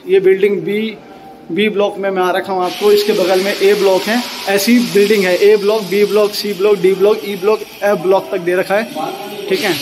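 High, flat-voiced man touring flats. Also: background noise. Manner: chatty, repeats himself, points things out while walking. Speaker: property vlogger. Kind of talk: casual walkthrough vlog. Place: new apartment building, indoors and outdoors. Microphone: handheld phone at arm's length.

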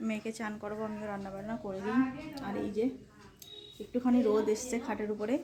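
A woman's voice: medium pitch, steady tone, fast, a crowd in the background. A woman with a sore throat from a cold, chatting casually through her household chores in a home vlog. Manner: chatty, narrating chores as she works. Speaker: home vlogger.

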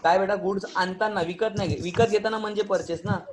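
High-voiced man teaching accounts online. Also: fairly even intonation, fairly quick, background noise. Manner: switches between Hindi, Marathi and English, questions students often. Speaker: commerce teacher.

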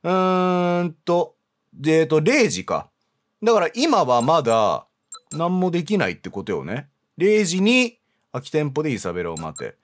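A man commentating his gameplay, joking and yelling at characters on screen. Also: on the high side, normal speed. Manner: animated, joking, talks back at the screen. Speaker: let's play streamer. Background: game music.

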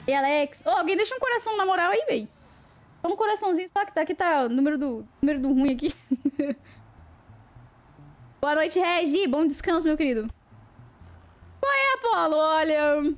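A young woman with a high, bright-pitched voice chats playfully on a livestream, greeting viewers by name. Faint music plays quietly behind her. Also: animated, normal speed, long pauses. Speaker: live streamer. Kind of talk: casual livestream chat with viewers.

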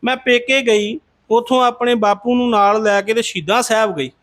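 Very high-voiced man telling a devotional story. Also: moderate pace, fairly bright tone. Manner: addresses listeners respectfully as a congregation, conversational retelling. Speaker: Sikh religious storyteller.

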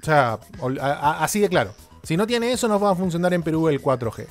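A man with a Peruvian Spanish accent who hosts a live tech Q&A stream, answering viewer questions in a chatty, animated way with frequent asides to the audience. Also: a little high, brisk, soft background music. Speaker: tech YouTuber and journalist hosting a live Q&A. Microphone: desk studio microphone.

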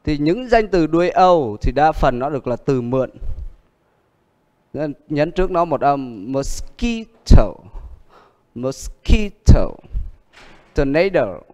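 A man teaching English word stress, explaining in a calm lesson voice and repeating each example word several times. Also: a little high, moderate pace, big-room sound. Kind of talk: exam prep pronunciation lesson.

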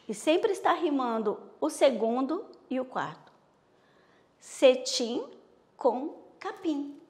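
Slow, patient Bahian woman teacher. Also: high-pitched, long reverb tail. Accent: Bahian Brazilian Portuguese. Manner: slow, patient, with frequent check-ins. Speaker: primary school teacher. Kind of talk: recorded remote lesson.

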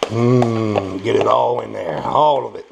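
A toothless home cook with a fairly low, gravelly voice walks through a casual, folksy cooking demo, unhurried and fairly even in intonation, with savoring murmurs. The setting is a small indoor home kitchen, noisy with frying food and clicks.

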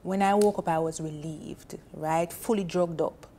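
This woman's deep voice moves at a measured pace as she tells an emotional personal story. She is in her thirties, has a Jamaican accent, and speaks earnestly as a TV panel guest while gesturing with her hands. She is on a studio sofa, recorded on a lapel mic with a little hiss or hum.

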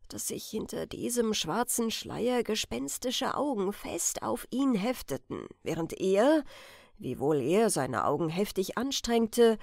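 A woman reading a bedtime audiobook in a calm, measured narration. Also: mid-range voice, vocal fry, no echo, studio quality. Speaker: audiobook reader.

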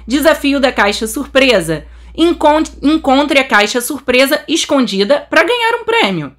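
Young Brazilian woman, Brazilian Portuguese accent, game host, thrilled and breathless, bright high voice. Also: sing-song, unhurried. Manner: gushing, exclamatory, says she is trembling. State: excited. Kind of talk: excited gameplay commentary.

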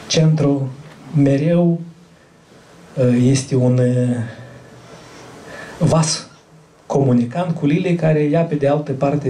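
Moldovan romanian guy giving a formal speech with lots of pauses, sounds far from the mic. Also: medium pitch, warm tone, slight background noise. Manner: halting, frequent hesitations. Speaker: event speaker. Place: library event hall.

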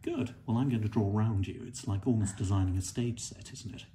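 A middle-aged man chatting gently and encouragingly as he draws together with his daughter. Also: fairly low pitch, a little fast, a little hiss or hum. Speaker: artist and co-host. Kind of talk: casual chat while drawing.

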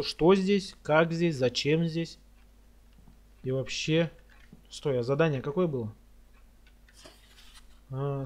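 A man giving casual commentary on a horror game playthrough as a scared, jumpy streamer who mutters and swears as he reacts. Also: on the high side.

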